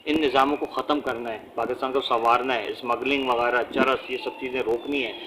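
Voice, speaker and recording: A man's voice: mid-range voice, fairly quick, a little hiss or hum, low-quality recording. Blunt ranting man with Urdu accent. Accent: Pakistani Urdu. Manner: animated, blunt and ranting, with frequent tag questions. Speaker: political vlogger. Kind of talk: opinionated casual commentary to camera.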